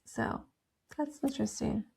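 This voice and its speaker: A woman's voice: on the high side, unhurried, creaky, a little mellow, slightly rough. A woman co-hosting a podcast, chatting casually and telling stories in a rambling, giggly way. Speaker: podcast co-host. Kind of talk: casual chat.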